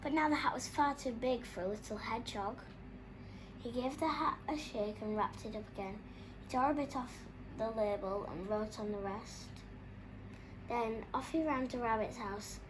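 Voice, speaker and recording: A woman reads a children's picture book aloud as an expressive storyteller, her voice on the high side and her pace moderate. Background noise is audible.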